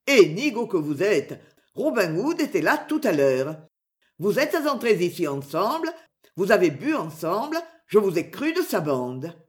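A reader voicing a calm, shrewd male innkeeper in an audiobook. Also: mid-range voice, a little slow. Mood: cool. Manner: cool, dry, unruffled. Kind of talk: audiobook character voice.

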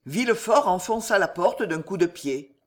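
An audiobook reader narrates expressively in a mid-pitched voice that rises and falls widely. The delivery is dramatic, slowing at tense moments and giving each line weight.

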